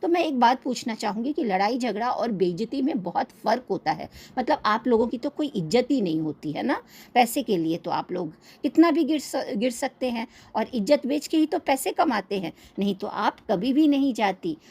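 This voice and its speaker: A young woman with a slightly high voice delivers critical commentary with steady indignation. She scolds and fires pointed questions as she goes. Her tone stays reproachful throughout. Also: moderate pace, slightly rough. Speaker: reaction video host. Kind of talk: critical commentary on online creators.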